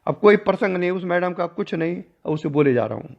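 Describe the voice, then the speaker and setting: Older guy guru telling a story, gravelly voice, muffled lo-fi sound. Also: lively intonation, brisk. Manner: storytelling, acting out dialogue with shifts in pitch and loudness. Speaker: spiritual teacher. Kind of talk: recounting a personal story in a discourse. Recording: dull lo-fi recording.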